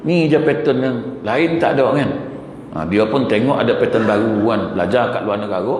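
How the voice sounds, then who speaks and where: A man's voice: medium pitch, fairly quick, slight background noise. Malaysian Malay male preacher, impassioned exhortation, echoey mosque hall recording. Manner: fervent, pleading, rising to sharp exhortation. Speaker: ustaz. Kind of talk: mosque sermon. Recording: echoey hall with faint ambience.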